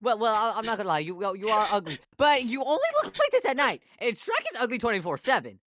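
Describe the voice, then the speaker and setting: A woman's voice: on the high side, very animated, quick pace, a bit bright, dry recording, clean studio sound. A woman voicing a jittery, talkative male donkey who stammers and rambles in an amateur fan dub. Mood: fumbling.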